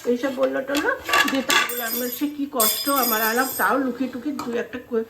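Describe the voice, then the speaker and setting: A middle-aged home cooking vlogger with an Indian Bengali accent tells casual, rambling stories as she cooks, acting out remembered conversations in a chatty way. Her gravelly voice is fairly high and fairly even, and she talks fairly quickly; the room echoes, with some background noise.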